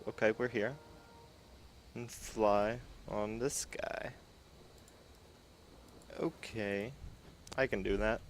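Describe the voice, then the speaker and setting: A man casually commenting on his gameplay, thinking aloud in a relaxed way as he goes. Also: on the low side, drawn-out words, pauses often, a little hiss or hum. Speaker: gameplay video host.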